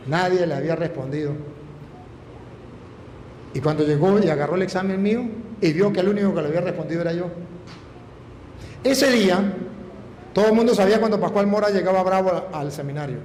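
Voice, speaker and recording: A middle-aged man, a priest telling a story in an animated, emphatic sermon. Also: sits high, fairly quick, pauses often. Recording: echoey hall, faint noise.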